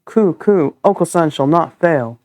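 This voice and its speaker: A man's voice: fairly high pitch, lively intonation, a little slow, a little mellow, dry recording, pitched above the performer's own voice. A man voicing an odd male pigeon student who coos and calls himself by name, reading a visual novel aloud. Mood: odd, chirpy. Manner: cooing, refers to himself in third person.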